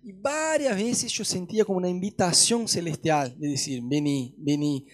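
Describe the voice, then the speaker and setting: A young man preaching his testimony in Rioplatense Spanish, with a high-pitched voice. He tells the story with energy and acts out voices and scenes as he goes. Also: normal speed. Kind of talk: testimony sermon.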